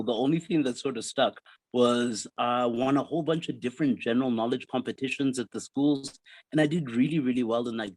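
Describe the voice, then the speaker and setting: A South African man in his fifties, a comedian guest in a casual interview, telling his story with quick jokes. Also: mid-range voice, a little mellow, no room sound, rough recording. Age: 50s. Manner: jokey, quick one-liners.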